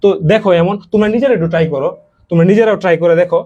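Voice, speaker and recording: A man's voice: sits high, very fast, darkish tone, dull audio. A young man, teaching an admission prep class online. He explains step by step, repeats key words and speaks straight to his students.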